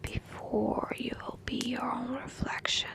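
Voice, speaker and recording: A woman reads a scary story as whispered ASMR. Her delivery is very slow, soft and deliberate. The hushed voice sits fairly high and carries a crackly, creaky edge. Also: flat delivery.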